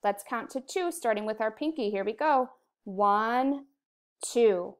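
A woman in her thirties with an American accent, teaching young children in a kindergarten teacher voice, with simple encouraging phrases and clear counting. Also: a little high, measured pace. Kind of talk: slow instructional lesson to young children. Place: indoor room, recorded video lesson at a computer.

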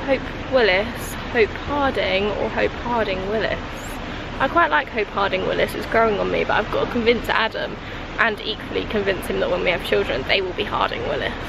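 A woman's voice: on the high side, creaky. A British woman in her twenties chatting casually to a handheld camera as she vlogs outdoors at a resort. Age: 20s. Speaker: vlogger on honeymoon. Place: outdoors at a resort, by and in an open-air pool. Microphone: handheld camera at arm's length. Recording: noisy outdoor holiday camera audio.

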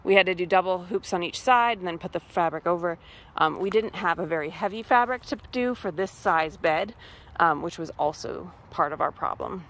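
A homesteader from Massachusetts, USA, gives a casual walk-through vlog of her outdoor garden, thinking aloud with many ums. Her voice is on the low side and a bit bright, at a moderate pace.

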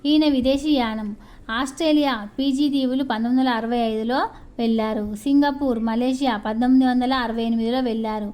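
A woman's voice: fairly high pitch, steady tone, quick pace, a little mellow. A woman narrating a biography for her channel, reading long lists of dates and awards with occasional slips and restarts. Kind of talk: read-aloud biography narration.

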